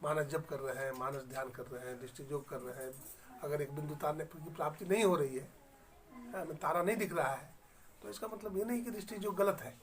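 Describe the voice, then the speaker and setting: Hindi-speaking swami telling a parable. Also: male voice, fairly high pitch, brisk, distant mic. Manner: storytelling, acts out dialogue, asks the audience questions, builds to emphatic lines. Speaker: swami giving a spiritual discourse. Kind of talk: Hindi satsang sermon with storytelling.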